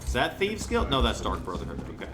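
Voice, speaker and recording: A man's voice: medium pitch, wildly swooping pitch, fast, over loud music. A man giving casual video game walkthrough commentary, thinking aloud as he goes.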